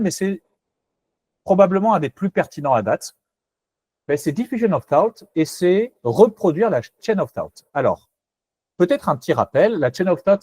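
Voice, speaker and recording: A man's voice: on the high side, a little mellow, breathy edge, dry recording. A man presenting a technical webinar, hesitant and self-correcting, candid and skeptical in tone.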